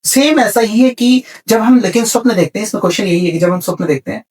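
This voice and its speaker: A man's voice: high voice, fast, darkish tone, far from the mic. A man on a podcast explaining spiritual ideas in a conversation, repeating key words and mixing in English terms. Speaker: spiritual speaker.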